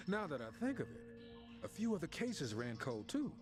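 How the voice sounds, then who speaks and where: Here a man voices a corrupt, sneering police officer in a game cutscene, gloating and mocking as he pins a crime on a suspect. His pitch is on the high side and swoops wildly, at a moderate pace, over a game music score.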